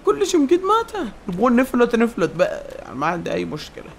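A man giving excited commentary on a horror game, shouting, jumpy and mixing in English words. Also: extremely high pitch, rapid-fire, creaky, slight background noise. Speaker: gaming YouTuber playing a horror game. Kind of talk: excited let's-play commentary.

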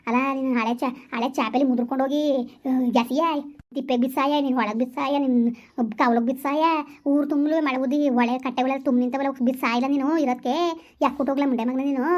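A woman playing a sharp-tongued village wife in a comic skit, hurling curses and scolding tirades. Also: high-pitched, lightly acted. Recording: dull lo-fi audio.

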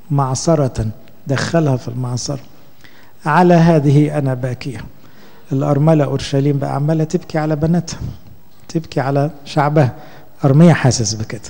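Egyptian priest giving a sermon, chatty, slows down for the verses, long reverb. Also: male voice, medium pitch, warm tone. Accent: Egyptian Arabic. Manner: conversational preaching, slow when quoting scripture.

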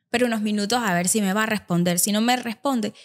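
Calm woman speech therapist explaining. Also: mid-range voice, quick pace. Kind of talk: explanatory podcast conversation.

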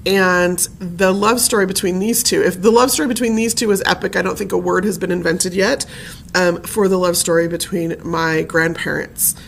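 A woman's voice: fairly low pitch, vocal fry, a bit bright, a little hiss or hum. A woman giving a conversational presentation on family history, chatty and personal, with frequent fillers.

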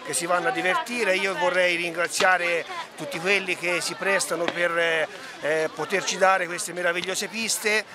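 A man's voice: high voice, steady tone, a little slow, few pauses, background noise. A middle-aged man giving a hesitant interview outdoors on a busy ski slope. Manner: hesitant, with many fillers. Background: crowd.

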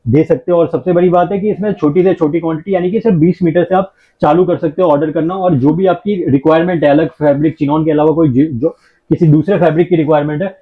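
A man showing fabrics in a shop, giving a steady sales pitch and repeating his phrases. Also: quick pace. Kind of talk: showing products on camera. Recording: tinny phone-like sound.

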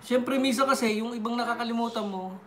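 Woman vlogger from the Philippines, bright tone, chatty, quick to laugh. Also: fairly high pitch, a little hiss or hum. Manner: chatty, laughs often between remarks. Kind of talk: casual chat with shout-outs.

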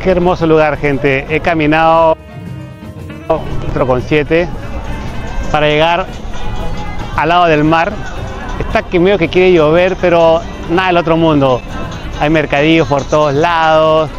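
A man's voice: fairly high pitch, steady tone, a little slow, pauses often, highs cut off. A man narrating a walking-tour vlog outdoors, chatty and repeating himself as he talks to viewers. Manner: chatty, repeats phrases, addresses viewers as "gente". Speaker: travel vlogger. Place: outdoors on busy city streets. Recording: street crowd and music behind.

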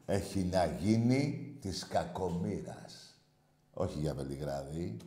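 Brash shouting man on call-in radio. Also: deep voice, lively intonation, reverberant. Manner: brash, shouting, insulting callers. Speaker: radio show host taking calls.

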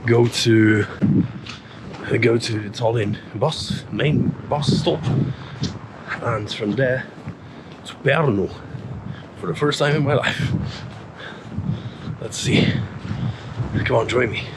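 A man in his thirties filming a casual travel vlog, chatty and relaxed, with self-deprecating asides, recorded on a handheld camera mic. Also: mid-range voice, takes it slowly, long pauses, heavy background noise. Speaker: travel vlogger. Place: indoors in a hostel, then outdoors in snowy streets and on a bus.

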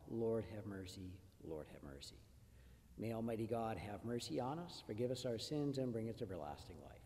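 A man leading Mass as a priest, reciting prayers and readings in a measured, solemn way. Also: medium pitch, mellow. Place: church. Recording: echoey church from a distance.

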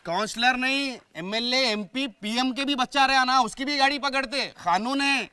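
A man's voice: very high-pitched, normal speed, pushed and bright, clear, resonant tone, no room sound. A man with a Hyderabadi accent playing a stern traffic policeman in a comedy sketch, lecturing about helmets and rules.

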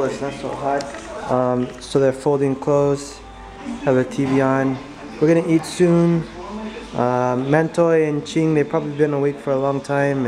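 Young man rambling casually in an echoey kitchen. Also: medium pitch. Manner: relaxed, rambling, many ums. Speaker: vlog co-host. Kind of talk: casual vlog commentary. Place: small tiled home kitchen. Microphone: handheld compact camera.

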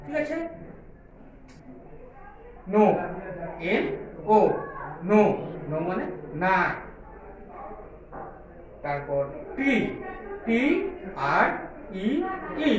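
Teaching English to small children in a slow, drilled lesson, a man with a Bengali accent spells words letter by letter and checks after each whether they follow. His high voice is very animated, with drawn-out words and frequent pauses. He is far from the mic in an echoey room, with a noisy crowd behind.

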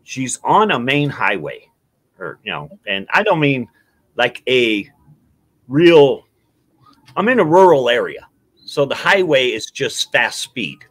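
Middle-aged man, casual storyteller, very lively pitch. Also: takes it slowly, long pauses. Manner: storytelling, animated, acts out quotes. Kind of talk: casual chat.

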